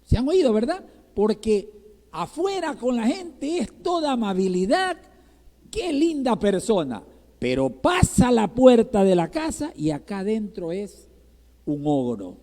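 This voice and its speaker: High-voiced Ecuadorian pastor, slow, in a hall. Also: male voice, sing-song, dark tone. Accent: Ecuadorian Spanish. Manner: preaching with rhetorical questions and tag "¿verdad?". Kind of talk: sermon. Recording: reverberant church hall.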